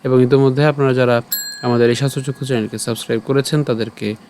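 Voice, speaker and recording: A man teaching Sanskrit verse pronunciation, breaking each word into slow syllables and explaining them clearly. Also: medium pitch, steady tone, a little mellow, a little hiss or hum. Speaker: Gita recitation teacher.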